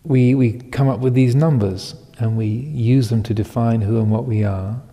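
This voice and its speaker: A Buddhist monk in his fifties giving a Dhamma talk, reflective and halting, with many pauses and soft chuckles. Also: medium pitch. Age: 50s. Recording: long hall reverb.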